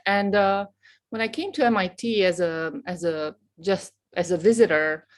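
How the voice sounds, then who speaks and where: A woman's voice: fairly low pitch, moderate pace. A middle-aged woman from Romania, a professor, telling her story as a guest in an outgoing, boisterous way. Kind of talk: casual interview chat.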